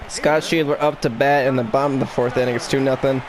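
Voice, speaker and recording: A man with the hiccups narrates a baseball video game in a mock broadcaster voice, building excitement on the big plays. His pitch sits in an ordinary middle range. A faint hum of background noise lies under the recording. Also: fast, crowd noise. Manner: broadcaster-style play-by-play delivery, rising excitement on big plays. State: has the hiccups. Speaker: gaming YouTuber.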